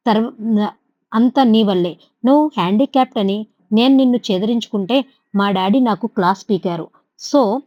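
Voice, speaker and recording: A woman's voice: medium pitch, dark tone, dry recording, natural voice. A woman narrator voicing an angry, scornful young man who scolds harshly, in a dull lo-fi audiobook recording.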